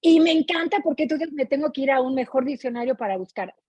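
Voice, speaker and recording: Speaking quickly in a high, darkish voice with lively intonation, a middle-aged Mexican woman shares expressive thoughts on her book club reading. She regularly checks that others agree, and the sound is the muffled, echoey kind typical of online meetings.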